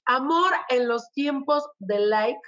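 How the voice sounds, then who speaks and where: A woman's voice: sits high, lively intonation, slow pace, a bit bright, highs cut off. A woman with a Mexican Spanish accent hosting a casual show segment, telling stories in a playful, gossipy way and acting out the quotes. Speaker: show host. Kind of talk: casual chatty news segment.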